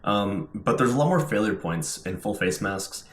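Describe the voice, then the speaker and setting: A man with a lowish voice and lively intonation speaks at a moderate pace, casually demonstrating scuba gear step by step as a diver reviewing his equipment. He's indoors at home, and the recording carries a roomy echo.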